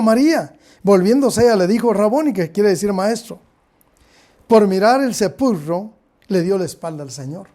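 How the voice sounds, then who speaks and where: A man's voice: high voice, mellow. A man with a Guatemalan Spanish accent, a pastor preaching a sermon and often calling out to his congregation. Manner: preaching, often calls out to the brothers and sisters.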